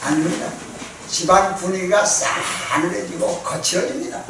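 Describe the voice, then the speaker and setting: A man's voice: sits high, animated, moderate pace, noisy background. A male pastor giving a sermon, asking the congregation questions and acting out quoted spouses. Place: church. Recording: echoey church hall from far off.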